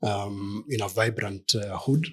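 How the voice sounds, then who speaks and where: A middle-aged man from Kenya speaks in a somewhat low, husky voice. He answers interview questions thoughtfully, pausing often with fillers and small hesitations. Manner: thoughtful, hesitant with many fillers, light laughs. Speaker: law firm partner, guest. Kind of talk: conversational interview.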